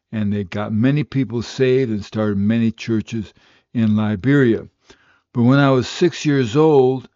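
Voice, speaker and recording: An older male radio pastor delivers a sermon in an earnest, unhurried storytelling voice. His tone sits on the low side and sounds warm and mellow. The recording is dry and a little dull, like an old radio broadcast. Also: no room sound. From West Africa. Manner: earnest, steady preaching storytelling. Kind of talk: radio sermon with personal testimony.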